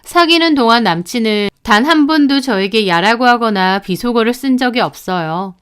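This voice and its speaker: Clear young woman telling a story. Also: fairly high pitch, animated, normal speed, fairly bright tone. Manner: confiding, conversational. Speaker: narrator. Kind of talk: storytelling narration.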